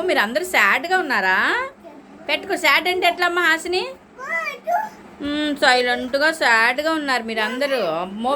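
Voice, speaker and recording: A woman's voice: sits high, sharp tone. A woman teaching a class of young children, coaxing them and calling on each child by name. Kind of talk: classroom lesson. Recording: noisy classroom recording.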